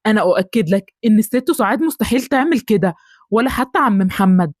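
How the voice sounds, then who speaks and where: A woman with an Egyptian accent voicing a calm, fair-minded man who soothes and reasons with others. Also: mid-range voice, quick pace, no echo, studio quality, close to an everyday voice.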